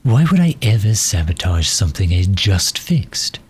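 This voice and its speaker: A man performs an affable but pompous and pedantic gentleman supervillain for an ASMR roleplay drama, using a deep, husky, breathy voice. Very animated and heavily acted yet matter-of-fact in mood, he rambles condescendingly with many hesitant pauses.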